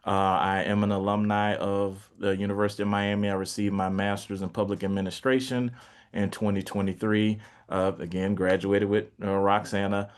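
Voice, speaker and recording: A man's voice: on the low side, little pitch movement, normal speed, clean tone. A man from Detroit introducing himself on an online panel. He is friendly and uses many fillers. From Detroit, Michigan. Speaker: alumnus panelist. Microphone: video call.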